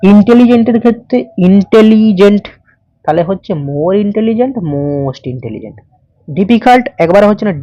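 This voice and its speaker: A woman's voice: on the low side, slightly rough, no echo. Bengali woman teaching grammar step by step. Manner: explains step by step, spells words letter by letter, asks the viewer questions. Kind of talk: explanatory lesson. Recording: dull, muffled sound.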